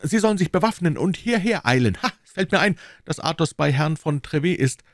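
A man's voice: lowish voice, sing-song, fast talker, darkish tone, slightly rough, no room sound, studio quality, pitched above the performer's own voice, full character voice. A man playing a hot-headed young swordsman. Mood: urgent. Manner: urgent commanding outbursts, muttering asides.

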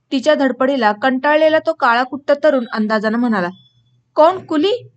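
A woman's voice: sits high, dull audio. A woman reading a novel aloud as an audiobook, switching into rustic village speech for the characters' dialogue. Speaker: audiobook narrator.

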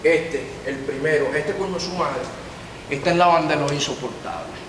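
An actor playing a tough police commander with a Venezuelan accent, who gives orders and lectures a young suspect. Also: male voice, on the high side, normal speed, lightly acted. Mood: commanding. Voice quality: gruff, commanding. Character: tough male police chief, stern and fatherly. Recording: reverberant hall, distant mic, noise.

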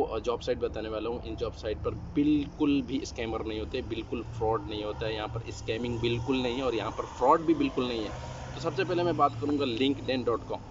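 A man's voice: mid-range voice, a little fast. Young male vlogger, hesitant casual delivery with fillers, phone mic outdoors, slightly muffled sound with faint traffic hum. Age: young adult. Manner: hesitant, many fillers and restarts. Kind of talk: casual talk to camera. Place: outdoors at night, parking lot. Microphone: phone camera, then selfie at arm's length.

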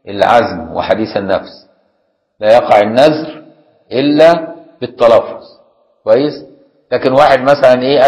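A man with an Egyptian accent teaching Islamic jurisprudence in a religious lesson. He reads a classical text, then explains it in everyday speech and keeps asking his students whether it is clear. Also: medium pitch, darkish tone, rough recording. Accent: Egyptian Arabic. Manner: explains plainly, often asks listeners if it is clear.

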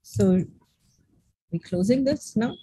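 A woman's voice: medium pitch, slow, dark tone, slightly rough, no room sound. An older woman with an Indian accent, moderating informally on a video call. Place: indoor room, on a video call. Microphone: computer mic on video call.

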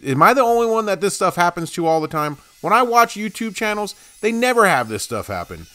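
This middle-aged woodworking host sounds high, sing-song, brisk, pushed and bright. He works in his small garage workshop on a clip-on mic, rambling through casual how-to talk with self-deprecating humor.

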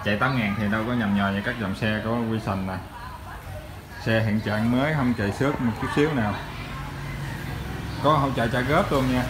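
A man with a southern Vietnamese accent giving a chatty, hesitant used-vehicle salesman's pitch in a casual walkaround, filmed by handheld phone in a showroom. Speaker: used motorbike shop salesman. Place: tiled motorbike showroom. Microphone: handheld phone behind camera. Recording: noisy handheld recording with vehicle sounds.

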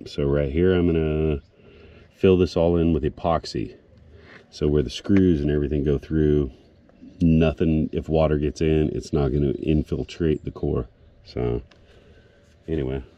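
A middle-aged man casually explaining a boat project outdoors in a sailboat cockpit, relaxed and rambling with frequent fillers. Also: very deep voice, unhurried, pauses often, highs cut off. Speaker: sailboat owner and vlogger. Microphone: camera on a mount a few feet away. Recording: outdoor recording with background noise.

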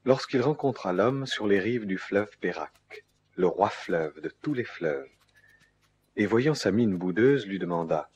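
A man narrating a fairy tale in a measured, storybook manner. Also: fairly low pitch, lively intonation, breathy edge. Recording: loud music behind the voice.

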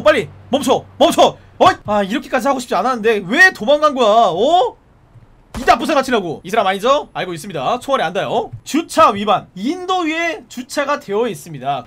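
A man giving playful, animated live commentary while streaming a police game, often shouting commands at the game's characters. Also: very high-pitched.

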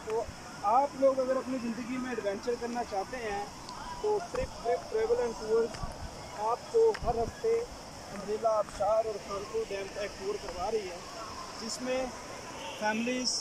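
A young man from Pakistan holding a phone at arm's length outdoors, talking to viewers in a chatty, promotional way as a travel vlogger and tour organizer. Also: very high-pitched. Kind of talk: selfie travel vlog. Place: outdoors by a road and on a hill trail. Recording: noisy outdoor phone recording.

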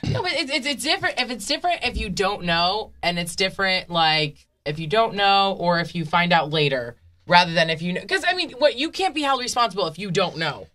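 Bright, blunt woman chatting casually. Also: mid-range voice, very animated, brisk, few pauses. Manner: candid, blunt, laughs often. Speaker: podcast co-host. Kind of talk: casual chat.

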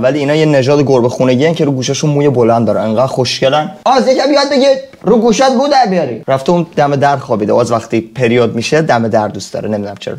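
A man's voice: mid-range voice, a little mellow. A man hosting a casual reaction video, playful and teasing, with jokey sudden jumps in his voice. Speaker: YouTuber reacting to TikTok clips.

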